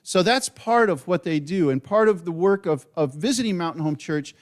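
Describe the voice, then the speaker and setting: A man addressing a church congregation, talking about his mission program with earnest energy. His voice sits slightly high for a man. He speaks like a presenter at the front of the room. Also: animated, normal speed.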